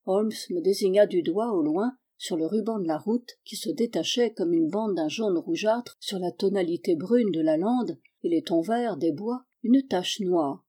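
A woman reading a story aloud as an audiobook narrator, in a measured, even way. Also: medium pitch. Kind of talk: scripted narration.

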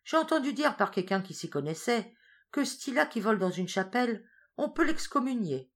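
A woman's voice: fairly high pitch, sing-song, normal speed, pitched above the performer's own voice. A woman voicing a sly old male farmer who teases in rustic country dialect. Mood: mock-solemn.

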